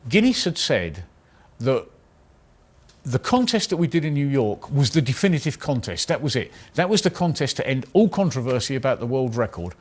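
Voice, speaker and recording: A man's voice: mid-range voice, very animated, normal speed. A man with an English accent recounting his own experience in anecdotal first-person storytelling. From England. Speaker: contestant recounting a speed-talking contest.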